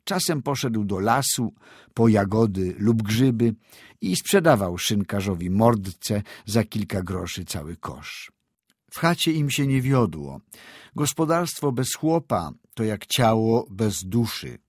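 A man narrating a classic short story aloud in a measured storytelling manner. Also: fairly low pitch, very animated, darkish tone, husky, no echo, studio quality. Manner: measured storytelling with acted dialogue. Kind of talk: audiobook reading of classic prose.

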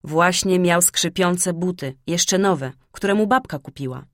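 A woman voicing an eager little girl who is looking for her friend, excited and earnest. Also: fairly low pitch, a little slow, no room sound, clean studio sound, close to an everyday voice.

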